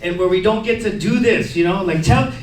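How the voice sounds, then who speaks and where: A young man doing a stand-up comedy set on a club stage, telling stories loudly and shouting out the lines he quotes. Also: high-pitched, a little fast, slight background noise. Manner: loud, excitable storytelling, shouting acted-out quotes. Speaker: stand-up comedian hosting a veterans show. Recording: echoey club, mic heard from a distance, crowd laughter.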